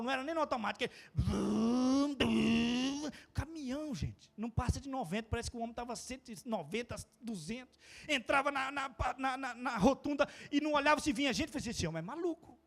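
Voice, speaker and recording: A man with a Brazilian Portuguese accent, preaching a casual, humorous sermon. He swings from quiet asides to loud, rising exclamations and tells stories with playful quoted voices and sound effects. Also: extremely high pitch, quick pace. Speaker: pastor.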